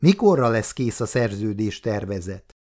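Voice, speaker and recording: A man's voice: on the low side, very animated, warm tone. A man voicing a composed bank president. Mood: firm.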